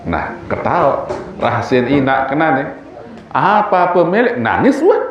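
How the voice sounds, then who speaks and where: Slow Lombok-accented preacher in an echoey hall. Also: male voice, mid-range voice, sing-song, noisy background. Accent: Sasak-accented Indonesian from Lombok. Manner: chatty and joking, firing rhetorical questions at the congregation. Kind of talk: weekly religious study sermon. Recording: echoey hall, distant dull mic.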